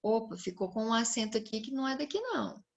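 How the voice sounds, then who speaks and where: A young Brazilian woman with a Brazilian Portuguese accent teaches a recorded lesson to children, her fairly high, gravelly voice very animated and fast. She stretches out words and keeps asking the pupils questions.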